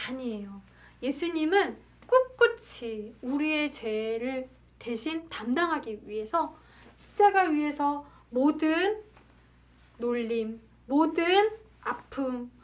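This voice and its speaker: Lady children's pastor, high voice, lively storytelling, acts out the shouty parts. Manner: gentle, asks the children questions. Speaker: children's ministry preacher. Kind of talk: storytelling sermon for young children.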